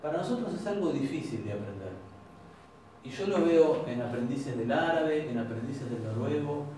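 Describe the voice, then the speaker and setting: A man with an Argentine Spanish accent teaching an informal language class, explaining patiently and repeating example words slowly. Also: mid-range voice, animated, warm tone. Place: university classroom. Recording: very echoey classroom, far from mic, faint noise.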